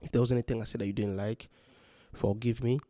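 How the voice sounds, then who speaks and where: Here a Congolese vlogger talks parenting in an earnest, meandering monologue peppered with "you know." He speaks quickly in a steady, mellow mid-range voice. The close-miked recording is dry and cleanly studio-like.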